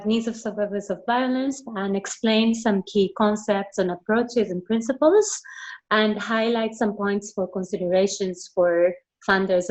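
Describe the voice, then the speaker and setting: A young woman from Japan who grew up in the Netherlands, a guest speaker on a video call, polite and a little hesitant, with fillers. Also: medium pitch. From Japan, raised in the Netherlands. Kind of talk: online meeting talk.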